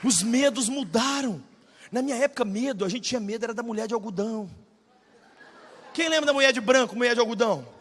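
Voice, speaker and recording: A Brazilian pastor in his forties preaching a sermon, swinging from shouted bursts to low, confiding talk. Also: fast talker, a faint crowd, slight background noise. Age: 40s. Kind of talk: energetic sermon. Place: large church hall, live audience. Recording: reverberant church hall.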